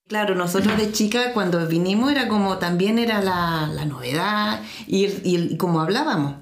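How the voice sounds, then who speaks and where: A woman from Mexico telling an anecdote in an expressive, animated way. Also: medium pitch, moderate pace. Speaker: interviewee. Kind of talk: storytelling. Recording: roomy echoey recording.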